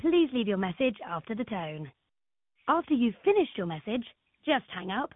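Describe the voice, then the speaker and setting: Woman, automated voicemail prompt, measured scripted delivery, lively intonation, landline phone, tinny narrowband sound. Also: on the high side, no echo. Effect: heard over a landline phone. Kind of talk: recorded system announcement.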